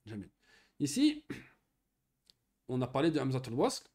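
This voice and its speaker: A man's voice: medium pitch, unhurried, husky. A man from Morocco teaching an online Arabic grammar lesson to children, explaining patiently and often checking that they follow. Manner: patient, lively explanations with frequent checking questions.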